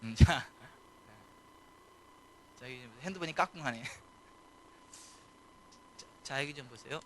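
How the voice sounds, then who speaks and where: A man's voice: mid-range voice, a little slow, fairly bright tone, a little hiss or hum. A man preaching as pastor at a late-night church service, questioning his congregation and pressing his points home. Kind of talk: sermon.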